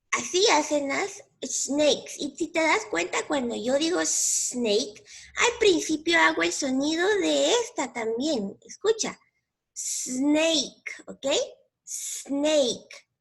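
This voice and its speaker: A woman's voice: high voice, animated, unhurried, creaky. A woman teacher with a Mexican Spanish accent, giving a patient bilingual English lesson to young children and repeating each word in both languages.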